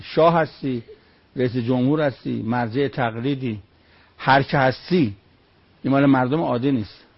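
A man's voice: medium pitch, slightly rough, dry recording, dull audio. A man preaching on Quran verses, emphatic, with rhetorical questions and short stories.

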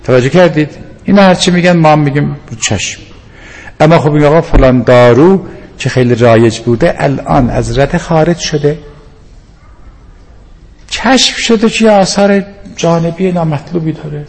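A man's voice: a little high, a little mellow, long reverb tail. An older man preaching a sermon as a cleric, emphatic and scolding at times, quoting Arabic verses.

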